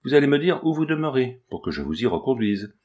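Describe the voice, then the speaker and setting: Madame Croquemitaine, a man doing a gruff old ragpicker. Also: medium pitch, very animated, fast talker, lo-fi sound, lightly acted. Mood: gruff, coaxing. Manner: brusque scolding that softens into kindness. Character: poor old female ragpicker, gruff yet kind.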